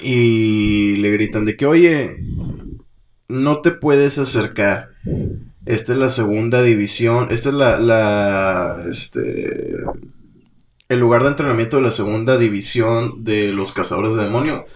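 Man, podcast co-host, rambling retelling, lowish voice, roomy echo. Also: unhurried. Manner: rambling, many fillers, acts out quotes. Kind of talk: casual chat, retelling a comic plot. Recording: roomy echo, faint noise.

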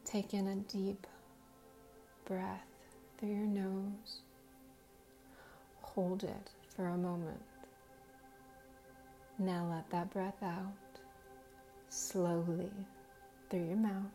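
A woman guiding a hypnosis relaxation in a slow, soothing, measured hypnotist manner, with long pauses and a soft voice that turns breathy at phrase ends. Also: mid-range voice, little pitch movement, faint music behind. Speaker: guided hypnosis and meditation host.

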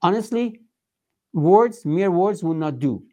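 A man with a Persian accent giving an interview as a political spokesman, speaking emphatically and formally, with halting phrasing. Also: high-pitched, expressive, mellow. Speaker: resistance movement spokesman being interviewed.

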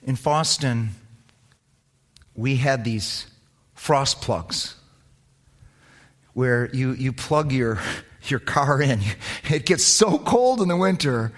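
This storytelling sermon comes from a pastor recounting something personal, slowly and with frequent pauses. His delivery is animated, swinging from loud emphasis down to hushed low tones.

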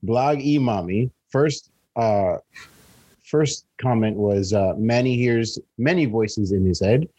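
A man's voice: on the low side, expressive, slow pace, dark tone, husky, dry recording. A man co-hosting a podcast, reading comments and teasing in a dry, casual way. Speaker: podcast co-host.

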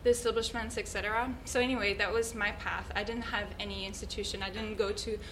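A woman speaks as a guest in an interview. She tells her story in an earnest, thoughtful way, pausing to search for the right words. Her voice sits at a middle pitch. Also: little pitch movement, bright, forceful tone, a little hiss or hum, poor audio. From Switzerland. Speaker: guest, yoga teacher. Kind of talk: reflective personal storytelling.

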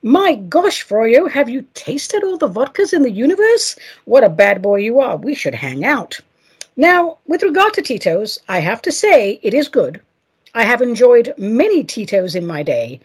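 A woman hosts a solo podcast and reads listener mail with campy, theatrical asides. Her voice is husky and pitched a little high. Her intonation swings widely as she talks. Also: sing-song, moderate pace. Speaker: podcast host.

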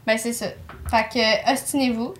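A woman with a Quebec French accent talks casually and teases her co-host. Her voice sits a little on the high side and stays playful. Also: steady tone, moderate pace, a bit bright, a little hiss or hum. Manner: playful, teasing. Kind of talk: casual chat.

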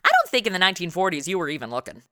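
A woman's voice: lowish voice, huge pitch swings, rapid-fire, pushed and bright, clear, resonant tone, no room sound, studio quality, exaggerated voice. An actress playing a flippant, sassy young modern woman who fancies herself a sleuth, chatting in slang in a comedic radio drama. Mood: flippant, amused.

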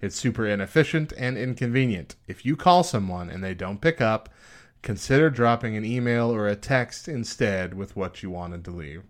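A man co-hosting a relaxed chat show, reading list items aloud and laughing between them. His pitch rises and falls with animated swings. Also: normal speed. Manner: laughs often, reads rules aloud. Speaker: podcast co-host. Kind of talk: casual chat.

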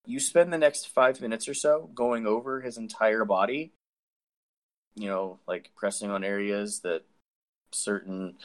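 A man's voice: fairly low pitch, steady tone, measured pace. A man narrating as game master in a tabletop game, easygoing and descriptive. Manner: easygoing, descriptive with fillers like "kinda".

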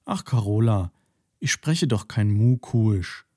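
A man reading the lines of a kind, caring young girl in a children's story, speaking gently and soothingly. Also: on the low side, expressive, takes it slowly, no room sound, clean studio sound. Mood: concerned.

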